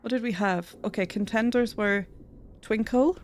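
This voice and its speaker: A woman's voice: on the high side, normal speed, a little hiss or hum. A woman streamer chatting playfully with her viewers while she draws, laughing often. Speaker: streamer sketching game characters. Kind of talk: casual live-stream chat with viewers. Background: music playing in the background.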